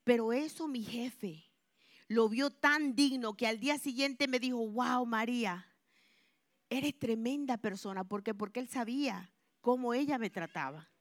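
A woman giving a religious testimony to a congregation, telling her story expressively and moving between hushed and loud. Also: a little high, moderate pace, dry recording, studio quality. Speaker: church member giving a testimony.

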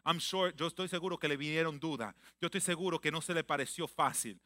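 A man preaching a sermon emphatically, repeating phrases and swinging between loud declarations and hushed, reflective passages. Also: fairly high pitch, quick pace, dry recording, clean studio sound. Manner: mixes in English phrases.

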